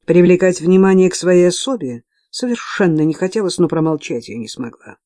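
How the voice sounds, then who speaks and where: A woman narrating a novel in the first person, measured and even. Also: fairly low pitch, dry recording, studio quality. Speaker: audiobook narrator.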